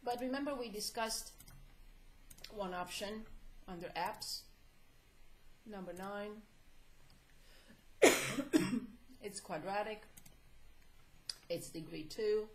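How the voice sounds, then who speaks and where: Hoarse woman teaching slowly, coughing. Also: mid-range voice. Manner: slow, deliberate, prompting questions. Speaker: math instructor. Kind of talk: classroom lecture. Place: classroom. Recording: echoey classroom, faint noise.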